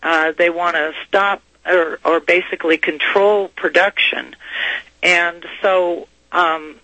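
A woman guest gives conversational commentary in a bright, forceful voice. She explains things haltingly, with small check-in questions, and the sound is dry and close. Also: lowish voice, steady tone, dry recording, poor audio. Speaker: talk show guest commentator.

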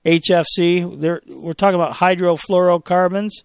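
A man's voice: sits high, steady tone, moderate pace, gravelly, clear, resonant tone, dry recording, studio quality. A man hosting a talk radio show, reading official statements aloud and breaking in with sarcastic, mocking commentary. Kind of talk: opinionated talk radio monologue.

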